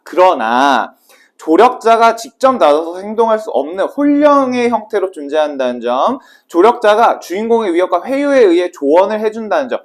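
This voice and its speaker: Man, literature teacher, exam prep lecture, high voice, casual, asks and answers his own questions. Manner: brisk and casual, asking students questions and answering them himself.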